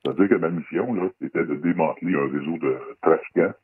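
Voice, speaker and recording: Man with a disguised, very deep voice. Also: fast, husky, no echo. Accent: Québécois French. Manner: guarded, hesitant, many fillers. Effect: voice electronically disguised, pitched very deep. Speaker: anonymous guest, former undercover federal police agent. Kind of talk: radio talk show interview. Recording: dry, phone-like band-limited sound.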